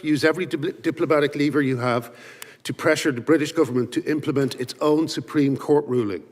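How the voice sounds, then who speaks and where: A man from Ireland, giving emphatic prepared testimony at a hearing, built on rhetorical lists. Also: mid-range voice. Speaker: witness at a legislative hearing. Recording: reverberant hearing room.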